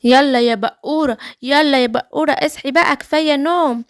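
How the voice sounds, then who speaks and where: A woman's voice: sits high, close to an everyday voice. A woman with an Egyptian accent voicing caring, scolding animal mothers in a children's cartoon story. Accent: Egyptian Arabic. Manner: brisk motherly calling and scolding.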